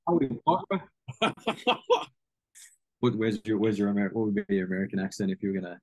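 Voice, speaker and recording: A man's voice: lowish voice, animated, moderate pace, mellow, no room sound. An Australian man co-hosting a podcast, asking questions in a jokey, bantering way. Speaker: podcast co-host. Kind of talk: casual podcast chat.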